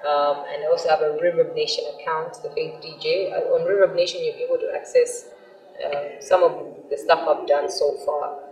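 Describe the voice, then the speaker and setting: A Malawian gospel singer whose first language is Chichewa talks to camera earnestly and eagerly to promote her music, using frequent fillers. Her deep voice is sing-song and darkish at a moderate pace, recorded with roomy, distant sound and faint music.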